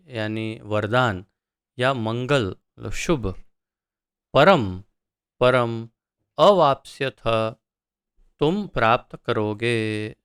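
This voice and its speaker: A middle-aged man gives a verse-by-verse scripture lesson. His voice is smooth and resonant, and he moves at a very slow, deliberate pace. He chants each line, then unpacks it word by word with unhurried pauses. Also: mid-range voice, fairly bright tone, no room sound, studio quality. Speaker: scripture teacher.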